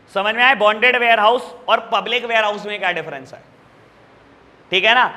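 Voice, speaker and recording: A man teaching a commerce class, warmly calling his students "beta" and asking them questions that he answers himself. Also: high voice, big-room sound. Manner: affectionate, calls students "beta" and "babu" constantly. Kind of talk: classroom lecture.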